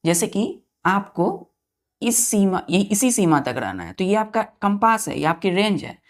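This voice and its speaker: A woman's voice: mid-range voice, very animated, unhurried. Woman teacher drilling grammar, spelling words out. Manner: repeats key words and quizzes the students; addresses listeners as children. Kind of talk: online exam-prep lesson.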